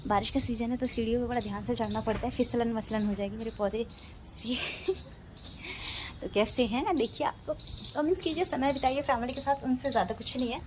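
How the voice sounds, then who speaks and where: A woman chats casually to her phone camera on an open rooftop, looping back over her own phrases and checking in with little tag questions. Her voice sits a bit high. The phone picks up plenty of wind and outdoor noise around her. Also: fairly quick. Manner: chatty, repeats phrases, frequent tag questions. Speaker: vlogger. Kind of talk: casual vlog chat. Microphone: phone camera, no external mic.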